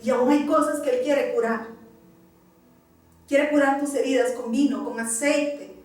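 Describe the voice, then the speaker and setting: High-voiced woman pastor preaching. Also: steady tone, unhurried, darkish tone. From Peru. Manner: emotional testimony, addressing the congregation. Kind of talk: sermon. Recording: echoey church hall, distant mic, faint music.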